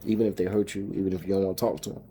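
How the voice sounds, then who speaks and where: A man's voice: deep voice, little pitch movement, racing, mellow, slight background noise. A middle-aged man venting in a rambling, profane vlog monologue, stumbling and repeating his words. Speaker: homestead vlogger and single dad.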